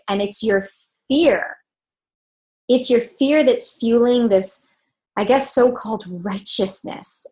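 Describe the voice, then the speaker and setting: A woman hosting a podcast as a sexologist, giving candid, emphatic solo commentary with the odd dry laugh. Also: medium pitch.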